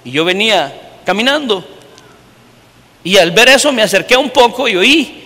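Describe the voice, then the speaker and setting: A high, bright voice rings out as a pastor preaches to his congregation. He tells his story by acting out each person's lines and swings from loud to soft. His words trail off in the long reverb of a church. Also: animated, moderate pace. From Honduras. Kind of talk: sermon.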